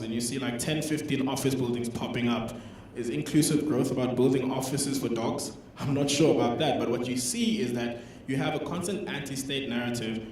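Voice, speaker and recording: A man's voice: mid-range voice, a little mellow. A young man in his twenties, earnestly making his case on a conference panel with rhetorical questions. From South Africa. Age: 20s. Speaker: youth representative panelist. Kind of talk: panel discussion answer. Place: conference hall. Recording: echoey hall mic from far off, some noise.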